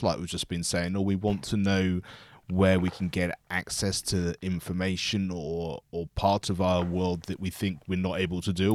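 A man's voice: deep voice, a little mellow, no room sound. A male host who frames the topic thoughtfully, hedging with phrases like "I guess" and "kind of.". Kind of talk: reflective interview framing.

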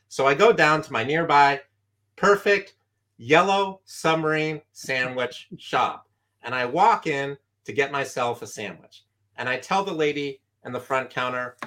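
A man's voice: medium pitch, sharp tone. A man from San Francisco telling a story from his youth as a guest, acting out the other voices in it. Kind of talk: storytelling in a conversation.

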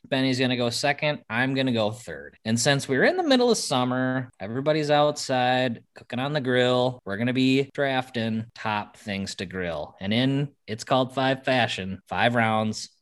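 A man's voice: medium pitch, fairly bright tone. A man hosting a podcast in casual chat, upbeat and emphatic, introducing segments. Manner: upbeat, emphatic, punchy exclamations. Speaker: podcast host running segments.

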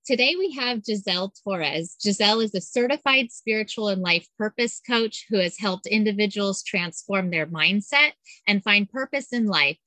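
A woman's voice: mid-range voice, lively intonation, normal speed, bright, forceful tone, dry recording, poor audio. Enthusiastic woman podcast host, dry sound. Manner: enthusiastic, with fillers. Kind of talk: casual interview chat.

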